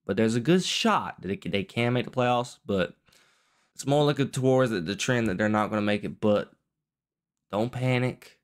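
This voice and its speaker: A young man giving casual post-game football commentary, keeping it restrained and quiet late at night, often repeating and rephrasing his points. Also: mid-range voice, animated, normal speed. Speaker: sports vlogger.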